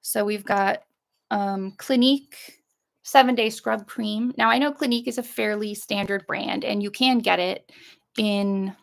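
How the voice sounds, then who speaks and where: A middle-aged woman with a creaky voice, chatting casually through an unboxing in a rambling, hesitant way. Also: mid-range voice, steady tone, a little slow. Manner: rambling, hesitant, trailing off and circling back. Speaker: vlogger showing a shopping haul.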